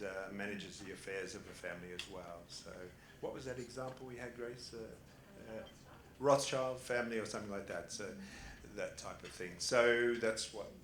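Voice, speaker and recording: Speaking casually on a panel in a conference hall, this Australian family office founder chats and laughs, filling his speech with fillers and restarts. His voice is lowish and a bit bright, and the roomy hall recording carries faint ambience plus a little hiss or hum.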